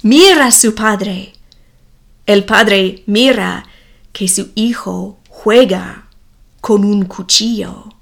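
Slow, deliberate woman storyteller. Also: medium pitch, creaky. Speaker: narrator.

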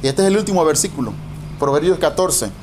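A middle-aged male pastor preaching a sermon, emphatic and drawing out key words slowly. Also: on the high side, animated, slight background noise.

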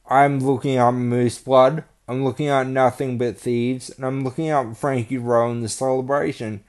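A man's voice: medium pitch, darkish tone. A man hosting a podcast, talking in a blunt, profane way with lots of "uh" fillers. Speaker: podcast host. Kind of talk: casual podcast monologue.

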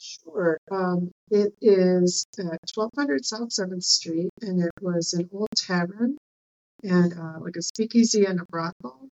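A woman's voice: fairly low pitch, a little slow, darkish tone, highs cut off. A woman interview guest casually telling personal stories in a hesitant, loose way.

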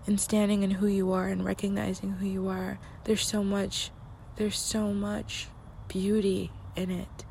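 Earnest young woman with a gravelly edge. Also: mid-range voice, slight background noise. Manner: earnest, reflective, with frequent "like" fillers and soft, near-whispered passages. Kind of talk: candid personal monologue.

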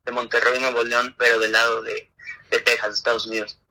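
Bright-voiced man, eager. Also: medium pitch, completely flat delivery, a little fast, low-quality recording. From Mexico City. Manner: eager, talkative, hedging with "si no mal recuerdo". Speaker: podcast co-host. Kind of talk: casual soccer chat.

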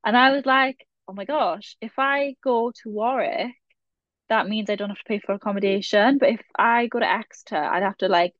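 A young Welsh woman in her twenties, from the South Wales Valleys, chats as a podcast guest in a casual conversation. Her voice sits fairly high at a normal speed, and she rambles and laughs at herself. The recording is dry and a bit muffled.

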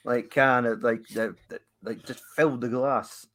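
A Scottish man co-hosting a casual chat in a halting way. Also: mid-range voice, fairly even intonation, a bit bright. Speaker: podcast co-host.

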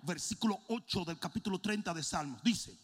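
Delivering a sermon built around a comic story, this middle-aged pastor speaks briskly and animatedly, shifting from quiet asides to shouts and dropping in English words. A long reverb tail trails his voice.

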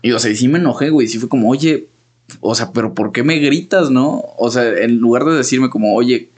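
Husky and darkish, this young man's mid-range voice moves briskly as he co-hosts a podcast. With a Mexican Spanish accent, he tells a meandering, casual story loaded with slang and filler words.

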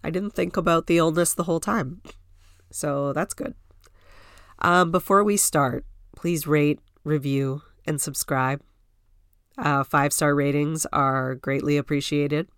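Her voice is deep and clean, a little slow, as this Canadian podcast host talks alone from home while stuffed up with a cold. The chat is casual and meandering, peppered with "you know" and "like," captured in clean studio sound with no room tone.

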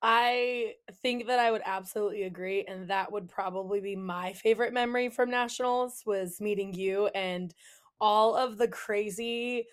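A woman's voice: mid-range voice, steady tone, normal speed. A young adult woman from California hosting a podcast, chatting enthusiastically and agreeing readily with her guest. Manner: enthusiastic, agreeable, warm-hearted gushing. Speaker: podcast host. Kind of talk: casual podcast chat.

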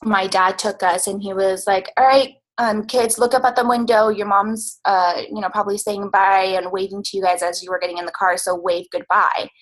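A woman's voice: mid-range voice, fairly even intonation, normal speed, few pauses, rough recording. A woman of thirty talking casually in an interview, hesitant with many ums, open and reflective. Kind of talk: casual conversation.

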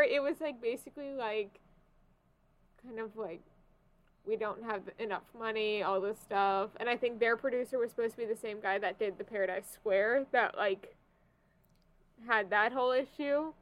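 Casting: female co-host, slightly high pitch, informal delivery of entertainment news and casual chat. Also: moderate pace, sharp tone, low-quality recording. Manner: informal, loose paraphrasing between read items. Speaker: podcast co-host. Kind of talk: entertainment news podcast, reading items and chatting.

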